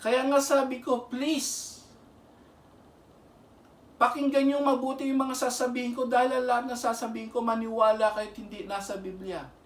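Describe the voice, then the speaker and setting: A man's voice: very high-pitched, flat delivery, normal speed, pauses often. A man preaching a Bible lesson as a lay minister. He speaks earnestly, pleads again and again for listeners to pay attention, and mixes English phrases into his Filipino. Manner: earnest, pleading, repeats "pakinggan nyo". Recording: roomy and distant from the mic.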